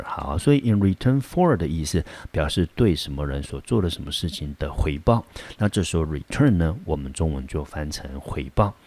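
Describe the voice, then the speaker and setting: A man from Taiwan, teaching an English vocabulary lesson and sounding out example sentences slowly and carefully. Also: a bass voice, a little mellow. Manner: slow careful word-by-word pronunciation.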